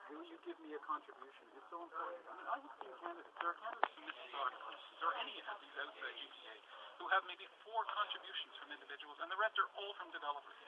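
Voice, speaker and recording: A man's voice: high voice, very animated, very fast, vocal fry. A man giving impassioned political commentary at a press scrum, emphatic and given to repeating his points. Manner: emphatic, rhetorical questions and repetition. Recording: dull, noisy scrum recording.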